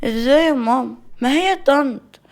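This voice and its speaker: Brief: woman playing cheeky small boy, high childish whine, Egyptian accent, storybook. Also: animated, fairly quick, gravelly. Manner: childish, sing-song whining. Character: cheeky little boy, teasing and tearful.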